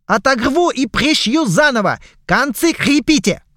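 A fussy old goblin pirate, put on by a man reading aloud, his r's burring as he haggles and exclaims. The voice sits high and carries loudly. It sounds dry and close, with no room around it. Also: expressive, unhurried, dry recording, full character voice. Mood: scolding.

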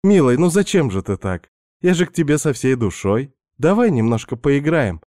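A man's voice: medium pitch, big pitch swings, moderate pace, warm tone, dry recording, clean studio sound, voice pushed up, close to an everyday voice. A man reading aloud and voicing a pushy young woman who teases and coaxes insistently in a raised voice. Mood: coaxing. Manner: teasing, insistent.

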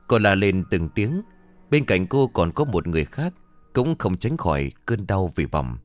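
A man narrating an audio story in an expressive scripted reading. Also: low voice, unhurried, faint music behind.

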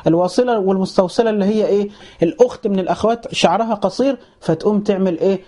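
A man with an Egyptian accent giving a Quran commentary lesson, asking questions and answering them himself and reciting verses slowly before explaining them. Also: sits high, mellow. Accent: Egyptian Arabic. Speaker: Quran teacher.

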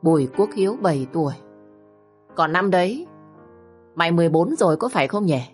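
A woman's voice: lowish voice, lively intonation, fairly quick, faint music behind, lightly acted. A woman voicing a mocking middle-aged male kidnapper who taunts and threatens bluntly, as a storybook figure. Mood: taunting.

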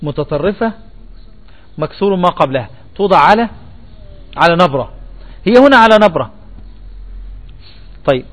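With a high voice and Egyptian Arabic accent, a man runs a spelling class, asking questions and saying the students' replies back to them.

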